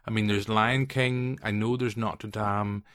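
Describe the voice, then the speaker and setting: A man in his late thirties hosting a casual film podcast, telling stories with quick asides and lively restarts. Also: lowish voice, dry recording. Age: 30s. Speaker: podcast host.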